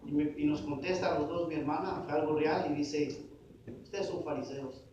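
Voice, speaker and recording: A pastor preaches a sermon in a church sanctuary, calling his congregation brothers and putting call-and-response questions to them. His slightly high, a little mellow voice keeps fairly even intonation at a moderate pace. The recording is distant, dull and echoey, with slight background noise.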